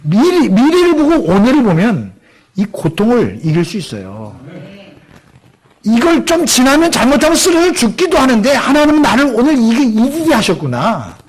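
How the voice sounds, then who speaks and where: A middle-aged male pastor delivers a sermon in a church, with a fairly high voice that rises and falls a great deal. He keeps putting questions to the congregation and slips into the voices of the people he quotes. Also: normal speed, slightly rough. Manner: lively preaching, acts out quoted voices, asks the congregation questions. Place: church sanctuary.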